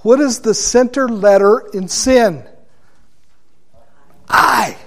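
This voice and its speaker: A man teaching a Bible study class, deliberate and asking his listeners questions. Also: very high-pitched.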